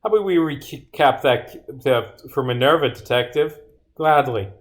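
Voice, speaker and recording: A man with a mid-range voice speaks unhurriedly while livestreaming as a visual novel developer. He reads his own script aloud theatrically, dropping into muttered asides.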